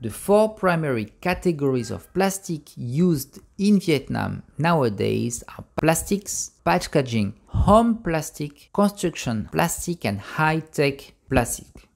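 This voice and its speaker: Slow, measured voice-over narrator. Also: medium pitch, big pitch swings, creaky. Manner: slow, measured reading with non-native grammar slips. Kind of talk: scripted narration.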